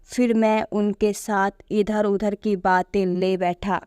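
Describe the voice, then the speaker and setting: A woman calmly reading a short story aloud to her channel's listeners. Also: mid-range voice, slow pace, clean tone, dry recording, clean studio sound.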